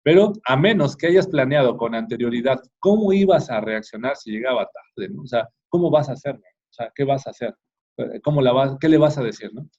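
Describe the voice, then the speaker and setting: A middle-aged man running a parenting course talks informally to parents, often closing phrases with a questioning tag and starting over. His mid-range voice is a little mellow, with lively intonation and a fairly quick pace, captured in a dull lo-fi recording.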